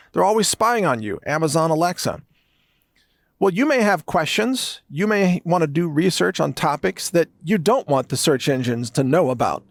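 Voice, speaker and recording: Emphatic man with a higher voice. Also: dry recording, studio quality. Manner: emphatic, builds with lists of phrases. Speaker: podcast host. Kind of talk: monologue commentary.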